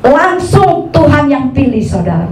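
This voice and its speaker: A woman pastor preaching a lively sermon, dropping into slang and acting out the voices she quotes. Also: sits high, a little slow, roomy sound, recorded from a distance, slight background noise, poor audio. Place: church hall.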